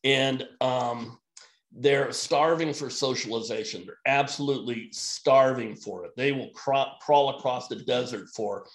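A man's voice: mid-range voice, unhurried, echoey room. A man who works as an emergency physician, talking bluntly and emphatically as a guest in a podcast conversation.

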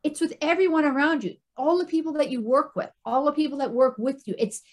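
Animated middle-aged woman coach. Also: high voice, fairly quick. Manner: animated, repeats words, frequent "right?" tags. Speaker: stress and anxiety coach, guest. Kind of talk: casual interview conversation.

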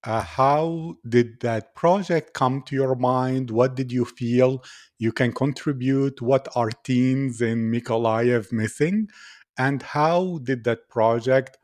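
A man hosting an interview, asking gentle, encouraging questions. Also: mid-range voice, slow.

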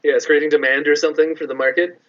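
A man's voice: on the high side, level tone, fast talker, a bit bright. A man co-hosting a podcast in casual chat, wandering into tangents. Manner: rambling, tangent-prone. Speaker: podcast co-host. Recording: dull lo-fi sound.

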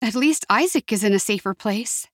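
A woman's voice: mid-range voice, expressive, moderate pace, no echo, clean studio sound, close to an everyday voice. A woman voicing a frightened young student girl who talks in an anxious, pleading way. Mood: earnest.

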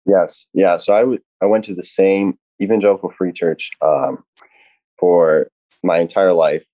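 Deep-voiced young man, muffled and halting. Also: fairly even intonation, mellow, no echo. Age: young adult. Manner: earnest, halting, many "uh" and restarts. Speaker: podcast guest. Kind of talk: casual podcast conversation.

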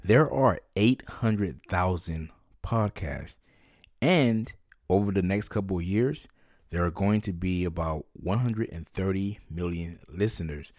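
A man with a low voice talks as a solo podcast host, explaining things in a conversational, step-by-step way. He addresses one listener directly and personally. The sound is dry and close, with very little room on it. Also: measured pace, a little mellow, no room sound.

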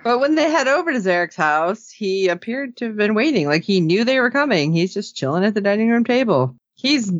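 A woman's voice: mid-range voice, brisk, hardly any pauses, dry recording, lo-fi sound. A woman co-hosting a podcast, chatting casually through a TV episode recap and acting out the characters' lines. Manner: animated, acts out characters' lines. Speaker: podcast co-host.

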